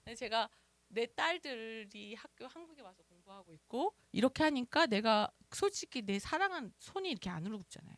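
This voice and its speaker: Missionary woman telling a lively story. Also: a little high, a little fast, dry recording. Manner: animated storytelling, acts out her own quoted speech. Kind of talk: testimony sermon.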